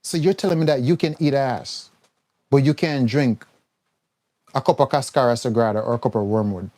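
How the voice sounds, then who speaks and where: Man, dark mellow voice, blunt, preachy, scolding health coach. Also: medium pitch, moderate pace. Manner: mimics others in quoted voices. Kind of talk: live-stream monologue.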